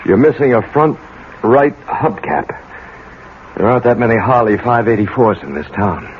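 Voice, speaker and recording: A man's voice: mid-range voice, animated, normal speed, lightly acted. Man playing commanding protective father, middle-aged American professor, authoritative, 1970s radio drama, muffled sound with faint noise. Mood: probing, tense. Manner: probing, firm, authoritative. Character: protective, commanding college professor father covering for his son. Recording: muffled, noisy old radio recording.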